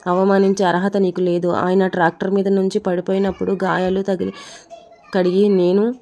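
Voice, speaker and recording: A woman's voice: mid-range voice, warm tone, close to an everyday voice. A woman reading the lines of a fierce young village woman, fiery and shaking with anger.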